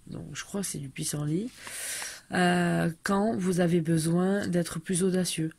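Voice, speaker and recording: A woman's voice: lowish voice, steady tone, measured pace, vocal fry, darkish tone, a little hiss or hum. A woman in her thirties chatting casually through a tarot deck review, hesitant and full of fillers.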